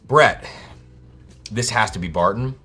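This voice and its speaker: A man's voice: fairly low pitch, a little slow, sharp tone, slightly rough, faint music behind. A man hosting a live whiskey tasting stream, exclaiming, swearing freely and thinking aloud as he tastes.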